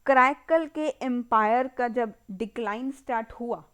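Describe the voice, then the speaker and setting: A woman with an Indian accent giving an exam-prep history lecture, slowly repeating key terms as if dictating and mixing Hindi with English words. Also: on the high side, fairly bright tone. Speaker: history teacher.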